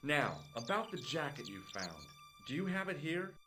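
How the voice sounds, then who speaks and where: An actor playing a calm young male amateur detective in a video game, questioning a witness in a dry, level way. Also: a little high, normal speed, faint music behind.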